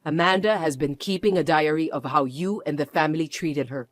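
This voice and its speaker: A firm, protective mother, as a reader plays her, speaking low, cold and quiet with clear contempt. The storybook recording is dry and close. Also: fairly quick, dry recording, close to an everyday voice. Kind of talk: scripted story narration.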